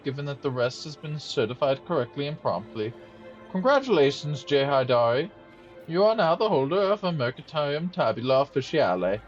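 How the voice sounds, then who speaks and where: A man reads out a pompous imperial official who fusses over seals and paperwork. The voice rises and falls a lot, sounding a bit dull, with faint music underneath. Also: fairly high pitch. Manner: formal, fussy, reading dialogue aloud.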